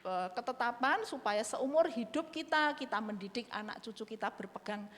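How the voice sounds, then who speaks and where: A middle-aged woman giving a sermon on parenting, animated, addressing the congregation directly. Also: a little high, normal speed. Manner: animated, acts out parent-child dialogue. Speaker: speaker on parenting. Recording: hall with long reverb.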